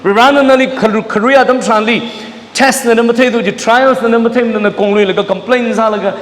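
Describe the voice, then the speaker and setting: A man's voice: very high-pitched, brisk. Man preaching in an echoey church. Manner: preaching, mixing in English words. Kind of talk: sermon. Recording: echoey church hall, mic at a distance.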